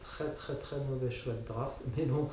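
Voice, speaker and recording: A man's voice: medium pitch, steady tone, normal speed, warm tone. Teasing man in an echoey room. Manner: jokey, teasing, mock-commentator delivery. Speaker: co-host of a fantasy football draw. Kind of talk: casual banter. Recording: echoey room, distant mic, faint hiss.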